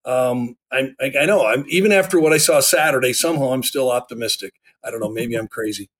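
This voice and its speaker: Mid-pitched American man chatting about sports. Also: fairly quick, fairly bright tone. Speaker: sports podcast panelist. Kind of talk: casual sports chat.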